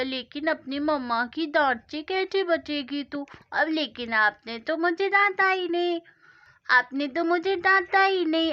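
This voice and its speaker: A woman voicing a timid little girl with a childlike lisp, whiny and pleading, in a storybook doll-play story. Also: sits high. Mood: happy. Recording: dull lo-fi sound.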